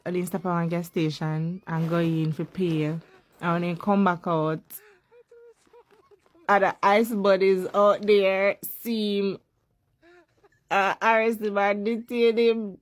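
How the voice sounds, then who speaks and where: A woman's voice: mid-range voice, level tone, slow, long pauses. A woman chatting casually in an amused, teasing way as she reacts to a video. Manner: amused, teasing, laughs often. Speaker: reaction commentator.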